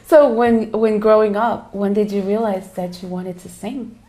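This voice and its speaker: A woman hosts a TV interview on a studio set. She asks friendly questions in a soft, chatty way. Her voice sits at a middle pitch and often breaks into light laughter. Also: steady tone, normal speed. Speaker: TV talk show host.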